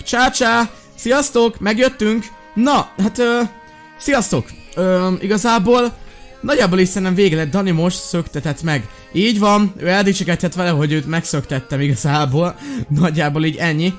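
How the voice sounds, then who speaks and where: A young man giving lively, excitable commentary over his own gameplay, his voice leaping into high yelps when he panics. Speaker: gaming YouTuber.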